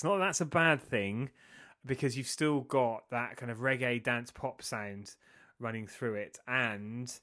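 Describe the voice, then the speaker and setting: Bright-voiced man hosting a music podcast. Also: medium pitch. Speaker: podcast co-host. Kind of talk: casual music chat.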